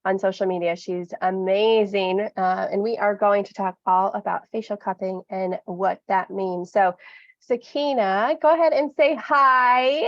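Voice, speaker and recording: A woman's voice: medium pitch, steady tone, no echo. Enthusiastic woman co-host, dull dry sound. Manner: enthusiastic, quick introductions. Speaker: podcast co-host. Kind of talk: podcast introduction.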